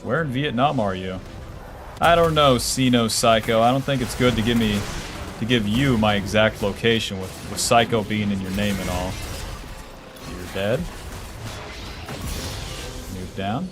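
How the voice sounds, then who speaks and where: A man in his twenties streams a game, talking casually and bluntly at a measured pace in a lowish voice with long pauses. He curses freely and answers chat questions aloud, with music playing in the background.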